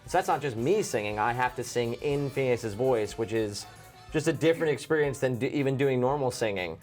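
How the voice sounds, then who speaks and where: A man's voice: medium pitch, lively intonation, a little fast, darkish tone, soft background music. A man, a cartoon voice actor, chatting enthusiastically in a casual interview, often restarting his sentences.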